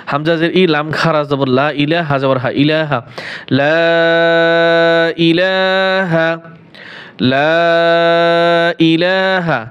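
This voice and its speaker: A man's voice: on the high side, a bit bright. A man with a Bangladeshi Bengali accent teaching recitation step by step, drawing out chanted words between brief explanations. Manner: drawn-out chanted recitation alternating with brisk explanation. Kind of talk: slow step-by-step pronunciation lesson. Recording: dull lo-fi sound.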